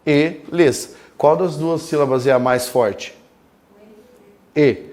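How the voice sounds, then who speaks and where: A male grammar teacher lecturing to his class with a slightly raised pitch. He speaks emphatically, often stretching single words out slowly so students can copy them down. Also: darkish tone. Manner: emphatic, dictates terms slowly word by word.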